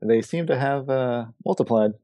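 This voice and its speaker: A man's voice: medium pitch, moderate pace, warm tone, natural voice. A man voicing a sarcastic male assassin on the run in a tabletop game, talking bluntly.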